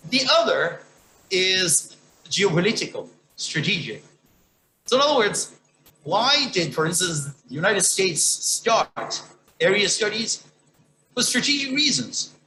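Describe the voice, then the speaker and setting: A man lecturer answering an audience question in an academic Q&A, talking emphatically with wide swings in pitch. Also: very animated, measured pace, bright, forceful tone. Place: lecture hall. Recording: echoey hall.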